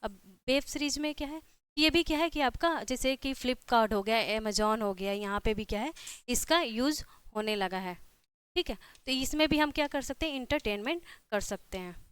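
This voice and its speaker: A woman teaching a class in a Hindi accent keeps repeating herself, tacking a "theek hai" ("ठीक है") check onto almost every phrase of her lecture. She sounds a little high, expressive and a bit bright, with a clean tone at normal speed in a dry recording.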